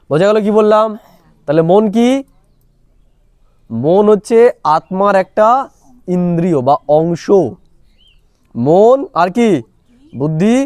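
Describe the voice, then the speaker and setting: High-voiced man teaching a meditation class. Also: darkish tone, no echo, clean studio sound. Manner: asks listeners rhetorical check-in questions. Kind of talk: spiritual class lecture. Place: small room, recorded on a mobile phone. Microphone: clip-on microphone.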